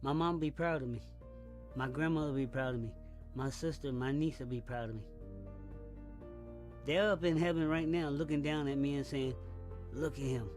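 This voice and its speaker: A man athlete speaks simply and earnestly in a slightly high voice. His talk is heartfelt, with faint music playing behind him. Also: normal speed, pauses often, a little mellow. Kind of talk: emotional interview talk.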